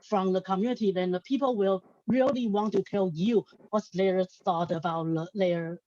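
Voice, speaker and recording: In an unscripted panel discussion, a symposium panelist from Taiwan speaks hesitantly with a Taiwanese accent, echoing her own words as she works toward her ideas. Her mellow, medium-pitched voice moves at normal speed with fairly even intonation, captured with no room sound and the highs cut off.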